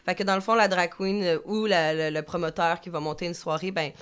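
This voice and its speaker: A woman with a Québécois French accent speaks in a somewhat low, smooth, clear voice. She chats casually as a podcast guest and explains things with frequent fillers and restarts. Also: steady tone, brisk. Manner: chatty, many fillers and restarts. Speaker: guest, drag performer.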